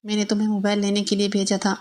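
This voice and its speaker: A woman voicing a stern but caring middle-aged aunt in a flat, even reading. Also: mid-range voice, lightly acted.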